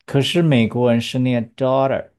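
Woman teacher going over english pronunciation, bouncy up and down voice, bit of fry, patient drilling. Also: very deep voice, very animated, normal speed, a little mellow. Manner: patient, drills words, asks rhetorical checks. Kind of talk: bilingual English pronunciation lesson.

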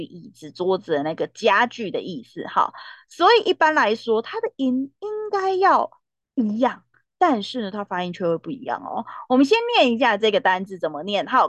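A woman's voice: medium pitch, no echo. A woman teaching a Korean pronunciation class, checking in with her students again and again. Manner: lively, with many checking tags like "哈" and "对不对". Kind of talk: classroom lesson.

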